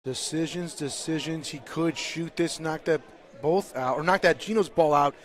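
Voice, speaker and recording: A man calling a bocce final live, talking through the options calmly and then erupting with excitement when a shot lands. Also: on the high side, normal speed, noisy background. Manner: calm explaining, then loud excited bursts on big shots. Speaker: play-by-play commentator. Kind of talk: live sports commentary. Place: indoor bocce court.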